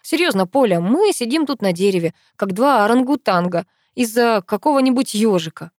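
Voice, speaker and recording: A woman's voice: on the high side, animated, normal speed, darkish tone, no room sound, clean studio sound, close to an everyday voice. A woman reading the part of a teasing young man, the narrator's best friend, in an audiobook, with a playful, mocking manner.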